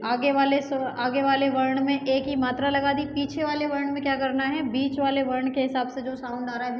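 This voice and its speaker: A woman teaching a grammar lesson for exam preparation, talking patiently and repeating each example, often checking in with her students. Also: high-pitched. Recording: echoey room, dull sound, faint hiss.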